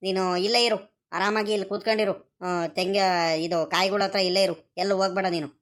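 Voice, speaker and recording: A woman voicing a poor, dutiful young male farm boy in a village cartoon, explaining things softly and pleadingly in a rural Karnataka Kannada accent. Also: medium pitch, steady tone, a little fast, close to an everyday voice. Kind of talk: animated cartoon voice acting.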